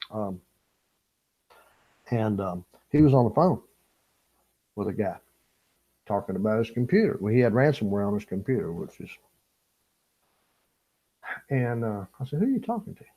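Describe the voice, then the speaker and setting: Low, husky-voiced man chatting on a live stream. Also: measured pace, pauses often, dull audio. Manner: rambling and chuckling, reads chat comments aloud. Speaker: fishing channel live stream host. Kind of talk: casual live-stream chat with viewers. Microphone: small camera mic or lapel.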